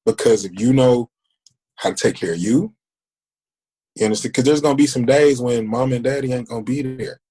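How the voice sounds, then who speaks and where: A man's voice: mid-range voice, fairly quick, long pauses, dark tone, slightly rough. Earnest man in his forties. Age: 40s. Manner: earnest, emphatic, repeats questions for emphasis. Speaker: podcast guest. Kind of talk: casual conversation.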